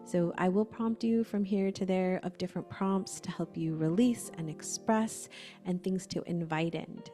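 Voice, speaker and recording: A woman facilitator giving gentle, conversational instructions for a breathwork session, often saying "like". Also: lowish voice, fairly even intonation, moderate pace, soft background music.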